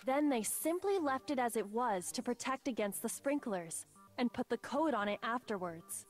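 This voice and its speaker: An actress voicing a calm, coolly reasoning character in a video game. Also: female voice, on the high side, moderate pace, lightly acted. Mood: composed. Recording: game audio with music behind. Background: game music.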